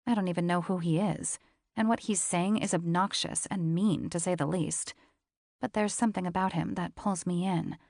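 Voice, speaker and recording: Female romance audiobook narrator, intimate and confessional, gravelly, dry studio sound. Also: on the low side, a little mellow, dry recording. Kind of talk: scripted first-person romance narration.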